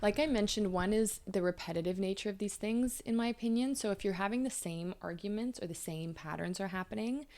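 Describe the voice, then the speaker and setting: A woman's voice: medium pitch, brisk, hardly any pauses, darkish tone. A Canadian woman in her thirties, a couples therapist, explaining her views thoughtfully with examples in a conversational interview.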